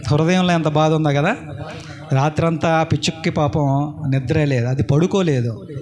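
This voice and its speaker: A man's voice: on the high side, fairly even intonation, moderate pace, darkish tone. A male pastor preaching a sermon in an emphatic storytelling manner, full of rhetorical questions.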